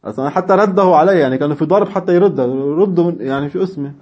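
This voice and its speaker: Fast-talking man teaching. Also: sits high, darkish tone, husky. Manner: reads classical text then explains in dialect, chuckling asides. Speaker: religious studies teacher. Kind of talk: seminary lecture reading and explaining texts.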